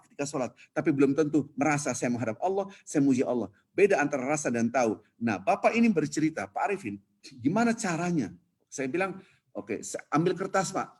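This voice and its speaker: A man teaching an Islamic dawn lecture on a video call, telling stories with a lively, rising voice when he explains. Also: husky. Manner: lively storytelling preacher, rises in pitch when explaining. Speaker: ustadz giving a dawn study lecture.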